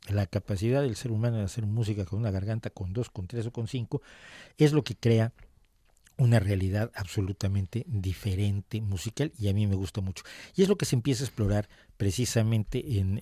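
A man's voice: lowish voice, dark tone, slightly rough, no room sound. A man hosting a radio music show, explaining with chatty enthusiasm.

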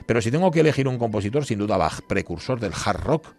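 A man's voice: on the low side, expressive, quick pace. A man with an Asturian accent hosting a radio show, reading listener messages in a chatty, joking way. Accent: Asturian Spanish. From Asturias, Spain. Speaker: radio host. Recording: radio studio with music bed.

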